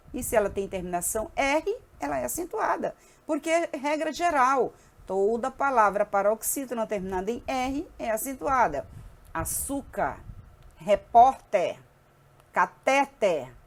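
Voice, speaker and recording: Female teacher, lively delivery with a swinging pitch, talks students through grammar rules. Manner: lively, checks in with the class.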